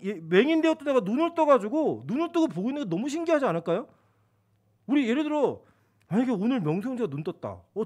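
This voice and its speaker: A man's voice: very high voice, darkish tone. A male pastor giving a sermon in a conversational style, often acting out the voices of the people in his stories. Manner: conversational preaching, acts out quoted voices. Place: church sanctuary.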